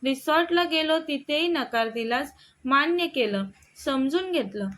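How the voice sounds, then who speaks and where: A woman voicing a stubborn young husband who feels hurt by his wife, speaking slowly in a high voice. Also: expressive, a bit bright.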